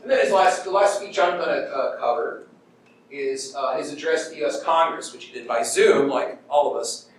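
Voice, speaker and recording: A middle-aged man gives an informal, conversational university lecture to an audience, acting out paraphrased quotes and checking in with listeners. His voice is a little high at normal speed, recorded from a distant mic in a very echoey room with background noise.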